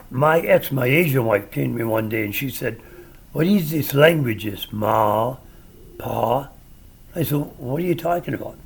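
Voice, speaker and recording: Gravelly husky Midwestern man, older. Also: mid-range voice. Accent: American Midwestern. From American Midwest. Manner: storytelling, opinionated, wry. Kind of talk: casual chat.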